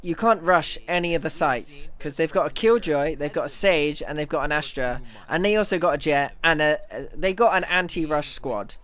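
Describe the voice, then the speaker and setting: Excitable streamer on a livestream headset mic. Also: male voice, fairly high pitch. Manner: rapid, excitable breakdown with frequent restarts. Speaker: streamer analyzing an esports match. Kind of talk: casual live analysis commentary.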